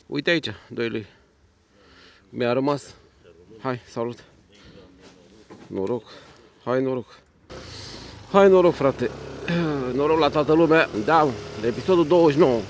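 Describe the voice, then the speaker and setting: A man giving casual running commentary from his bike on city streets, loud and blunt, swearing freely at other road users. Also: mid-range voice, pauses often, slight background noise. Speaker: cycling vlogger. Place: outdoors on city streets in traffic.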